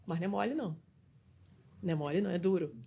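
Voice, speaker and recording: A woman's voice: lowish voice, very fast, creaky, slightly rough, highs cut off. Brazilian woman telling her career story. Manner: animated, restarts phrases, frequent tag questions. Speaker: guest, customer experience mentor. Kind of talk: conversational interview storytelling.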